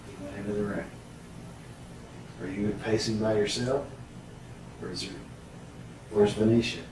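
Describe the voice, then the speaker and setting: A man's voice: fairly low pitch, little pitch movement, measured pace. A man questioning someone as a police interrogator, methodical and probing, repeating answers back. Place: echoey interrogation room, far mic. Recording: echoey room, distant mic, heavy noise.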